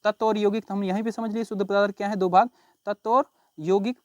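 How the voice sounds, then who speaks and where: A man's voice: high voice, little pitch movement, fairly quick, no room sound. Chatty male science teacher, dry close sound. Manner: repeats key terms and asks the class questions; chatty, calls students bhai and babu log. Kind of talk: casual classroom explanation.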